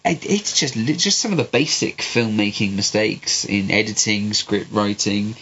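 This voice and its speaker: A man's voice: fairly low pitch, normal speed, a bit bright. A man with a West Country English accent, congested with a cold, chatting casually and rambling about films as a podcast host. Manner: sweary, rambling. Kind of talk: casual film review chat. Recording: dull lo-fi sound with clear hiss.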